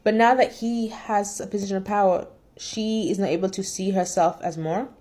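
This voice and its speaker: A woman's voice: mid-range voice, steady tone, moderate pace, mellow. A woman in casual chat, reviewing a drama in a candid, opinionated and rambling way.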